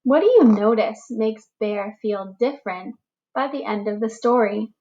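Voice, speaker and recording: Slow, expressive teacher reading aloud. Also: female voice, on the high side, muffled recording. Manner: slow, expressive storybook reading with character voices. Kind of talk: read-aloud storytime for children.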